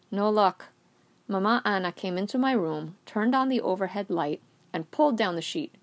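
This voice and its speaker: A woman reading a short story aloud in a wry first-person narration. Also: medium pitch. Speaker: reader.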